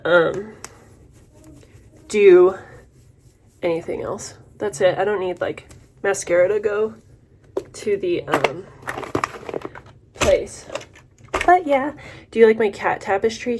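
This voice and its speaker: A woman's voice: mid-range voice, a little mellow, slight background noise. A young adult woman chatting casually in a vlog as she does her makeup, rambling with lots of fillers. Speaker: vlogger. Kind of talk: casual vlog chat while doing makeup.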